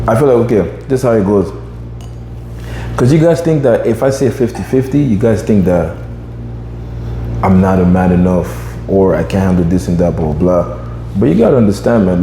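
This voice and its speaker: A podcast host in his twenties rambles casually with lots of fillers like "you know what I mean." His low, warm voice echoes through a large hall, and the audio is poor with a little hiss or hum.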